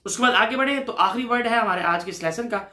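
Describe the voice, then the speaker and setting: A man teaching Quran recitation. He chants each word slowly and draws it out, has the listener repeat after him, then explains briskly and answers his own questions. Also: very high-pitched, pushed and bright, roomy sound. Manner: patient, asks questions to the listener and answers them himself. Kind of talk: recitation lesson with call-and-repeat.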